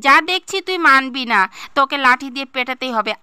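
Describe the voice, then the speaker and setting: A woman's voice: high voice, animated, fairly quick, sharp tone, smooth. A woman playing a mother who scolds and nags her pet parrot in a comedic home skit. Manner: scolding, nagging tone.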